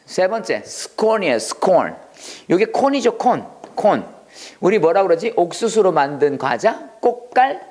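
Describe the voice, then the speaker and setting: A man teaching English vocabulary in a video lesson, repeating words slowly and acting out little taunts. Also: sits high, big pitch swings, a little mellow, breathy edge.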